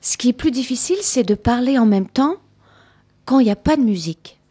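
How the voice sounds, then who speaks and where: A woman's voice: a little high, lively intonation, a little fast, warm tone, husky. A woman from Canada, a stage actress patiently explaining theatre work to children and repeating words for emphasis. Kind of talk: answering children's questions after a show.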